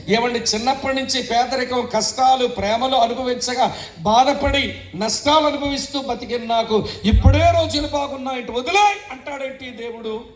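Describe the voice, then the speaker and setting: A man preaching a testimony sermon as a pastor, telling his story with emphatic, storytelling delivery. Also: high voice. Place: church meeting stage. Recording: roomy echoing hall.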